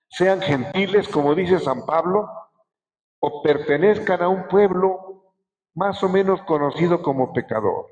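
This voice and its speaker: A man delivers a bishop's sermon, leaning on key words and stretching them out. His voice sits a little high for a man. The sound carries a long reverb, as if he were preaching in a large church. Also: darkish tone. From Mexico. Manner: slow, emphatic preaching with drawn-out words. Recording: echoey church hall.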